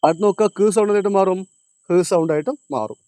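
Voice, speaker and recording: A male teacher, lecturing in a classroom, quizzing his students and repeating each point, slowing down on key terms. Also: sits high, warm tone, clean tone, no room sound.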